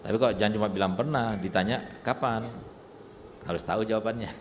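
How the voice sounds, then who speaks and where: A man's voice: lowish voice, brisk. A male Islamic preacher giving a humorous sermon with storytelling, full of rhetorical questions to his audience. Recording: reverberant hall with faint noise.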